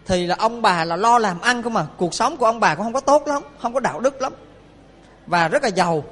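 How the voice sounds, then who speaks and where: A monk preaches in a high voice, telling a story and quizzing his listeners. A hall gives his words a long reverb. His delivery is lively and engaging. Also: brisk. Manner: lively, questioning the audience. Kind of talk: sermon with storytelling.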